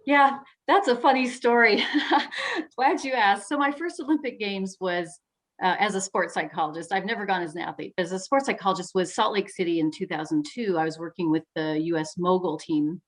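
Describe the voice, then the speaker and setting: A woman's voice: mid-range voice, a little fast. A middle-aged woman, a sports psychologist, telling a story on a video call and acting out her own thoughts in quotes. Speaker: sports psychologist guest speaker.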